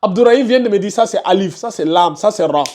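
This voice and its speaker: A man's voice: high-pitched, lively intonation, fast, a little mellow. A man teaching a live tajwid class, questioning students by name and insisting they concentrate. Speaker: Quran recitation teacher.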